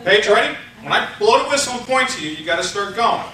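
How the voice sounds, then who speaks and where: A man running a live sales training seminar in a large room, animated and playful, shouting instructions to volunteers. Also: high-pitched, fast. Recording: echoey room recording from far off, noisy.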